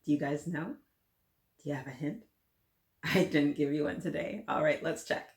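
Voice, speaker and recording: A woman with a low, gravelly, darkish voice speaks at normal speed while hosting story time for young kids. She reads to them and chats, encouraging them with simple direct questions, in a room with lots of echo.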